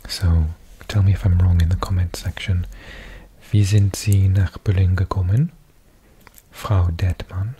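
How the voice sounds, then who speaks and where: Male ASMR whisperer: mellow, slow, soft reading delivery, close-miked. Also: low voice, fairly even intonation, slight background noise. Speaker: ASMR video host.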